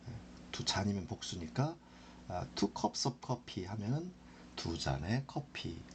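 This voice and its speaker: A man teaching English as a lesson, explaining slowly and repeating phrases for drilling. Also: lowish voice, sing-song, background noise.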